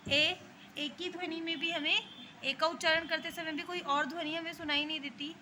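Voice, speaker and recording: A woman's voice: very high-pitched, steady tone, moderate pace, pushed and bright, soft background music. A woman with an Indian accent, a school teacher, giving a grammar lesson to young children and explaining each point patiently, over and over. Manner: patient, repetitive explaining with frequent checks.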